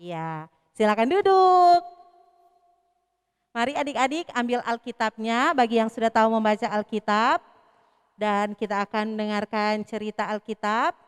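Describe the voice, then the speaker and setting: A woman's voice: fairly high pitch, moderate pace, clear, resonant tone, in a large hall. A woman, leading children's songs in a Sunday school service with upbeat, coaxing cues.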